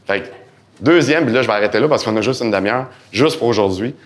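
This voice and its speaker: Animated Québécois man, joking storyteller. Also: mid-range voice, quick pace. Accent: Québécois French. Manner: animated, joking, acts out inner voices. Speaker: guest speaker. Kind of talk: live podcast talk to an audience. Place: event hall with live audience.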